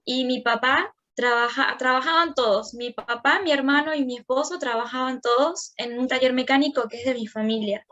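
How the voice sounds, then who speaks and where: A woman's voice: sits high, normal speed, hardly any pauses. A young woman with a Venezuelan Andean accent, telling personal stories as an interviewee and acting out her own and her child's words. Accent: Venezuelan Andean Spanish. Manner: animated, acts out her own and her child's words with sudden rises. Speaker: interviewee, immigrant mother. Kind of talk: emotional personal storytelling. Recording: muffled lo-fi recording.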